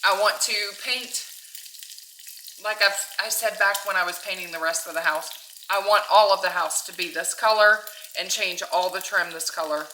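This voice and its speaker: Woman, middle-aged, bright voice, chatty home vlog, rambling, sizzling pan behind. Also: lowish voice, normal speed, a little hiss or hum. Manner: rambling, frequent ums and restarts. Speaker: home DIY vlogger. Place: her home, kitchen and bedroom.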